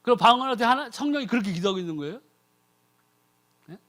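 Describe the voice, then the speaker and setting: An ordained deacon and lay preacher delivers a sermon, firing rhetorical questions at the congregation and mocking people's prayers in imitated voices. His voice is very high-pitched, lively, racing, pushed and bright.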